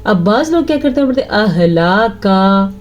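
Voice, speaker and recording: A woman teaching tajweed, explaining each rule patiently and checking her students follow, then reciting verses slowly in a drawn-out chant. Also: mid-range voice, lively intonation. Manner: explains rules patiently, asks "ٹھیک ہے؟" after each point.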